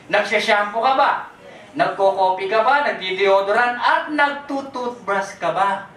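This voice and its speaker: A presenter giving a sales pitch at a business event, firing quick questions and jokes at the audience. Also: fairly bright tone. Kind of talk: lively sales pitch, mixing Tagalog with English. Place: indoor event hall with a live audience. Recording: echoey event hall, voice far from the mic.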